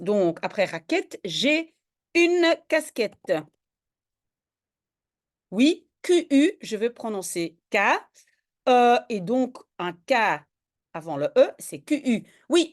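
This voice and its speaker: A woman tutoring a student in French spelling, patiently explaining each word step by step. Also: mid-range voice. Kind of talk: one-on-one spelling lesson.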